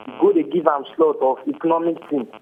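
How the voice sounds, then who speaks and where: A man's voice: fairly high pitch, steady tone, fast talker. A man with a Nigerian accent speaking Nigerian Pidgin as a caller, giving his opinion conversationally. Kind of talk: conversational opinion on a call-in show. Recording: tinny, narrow phone line.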